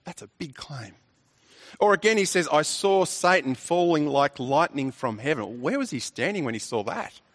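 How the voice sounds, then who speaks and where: A man delivers a sermon with a fairly high voice, pressing his points with rhetorical questions and restarts. His delivery swings between soft, hushed asides and stronger declarations. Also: lively intonation, moderate pace. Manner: emphatic, rhetorical questions, repeats words. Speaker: preacher.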